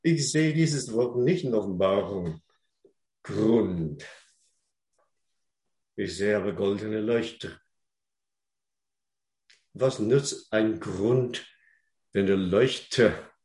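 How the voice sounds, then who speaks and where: A man preaching a sermon in German, which is not his first language, at a slow and deliberate pace. He restarts and repeats words and turns questions back to the listeners. The sound is roomy, with a clear echo around the voice. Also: lowish voice, darkish tone.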